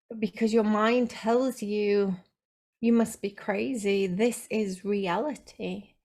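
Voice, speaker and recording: A serene ascended male spirit speaks through a woman channeling him in a slow, measured, tender cadence. The pitch sits in a plain middle register. He gently repeats his phrases as a channeled spiritual message.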